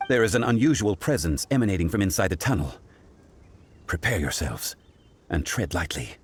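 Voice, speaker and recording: Low-voiced, dignified sage. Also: male voice, big pitch swings, normal speed, a little hiss or hum. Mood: composed, authoritative. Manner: formal, composed, solemn. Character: calm, dignified, commanding ancient male sage. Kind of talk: dramatic video game voice acting. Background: music.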